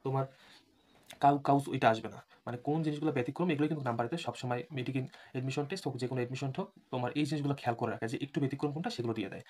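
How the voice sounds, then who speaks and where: A quick-paced man lecturing students through an exam-prep lesson. He spells words out letter by letter and keeps asking whether the class is following. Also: medium pitch, a little mellow, a little hiss or hum. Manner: repeatedly checks understanding, spells words letter by letter. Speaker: English teacher for admission test prep. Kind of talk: online lecture.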